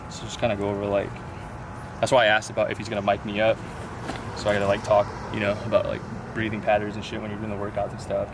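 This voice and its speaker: Laid-back slangy man, fairly low voice, clear noise behind. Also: monotone, quick pace. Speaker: fitness coach. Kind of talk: casual chat.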